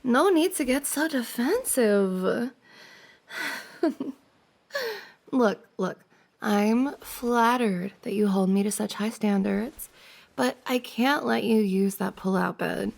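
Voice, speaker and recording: A woman with a highish, creaky voice uses a full character voice to play a teasing young woman, a best friend's older sister, in a casual ASMR roleplay. She speaks slowly and expressively with long pauses, giggling softly and often through playful, reassuring banter.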